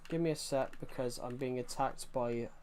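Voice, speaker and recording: A man's voice: medium pitch, moderate pace, darkish tone, slight background noise. A man in his early twenties chatting casually on a game livestream, rambling and reacting to chat messages. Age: early 20s.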